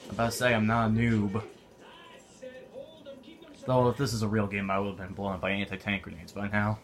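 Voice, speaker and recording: A man's voice: lowish voice, flat delivery, brisk, faint music behind. A young man giving casual, offhand commentary while playing a war video game. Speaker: gameplay commentator. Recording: noisy game audio behind.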